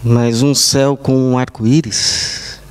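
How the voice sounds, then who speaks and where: A man with a Brazilian accent preaching a sermon as pastor, telling small stories in short, measured phrases. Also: medium pitch, level tone, clean tone. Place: church service.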